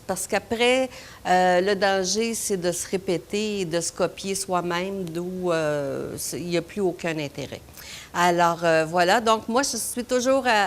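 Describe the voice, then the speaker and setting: Brief: middle-aged Québécois woman painter, unhurried, halting with fillers, interview talk. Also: medium pitch. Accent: Québécois French. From Quebec, Canada. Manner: hesitant, many "euh" fillers and restarts. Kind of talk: interview, personal recollection.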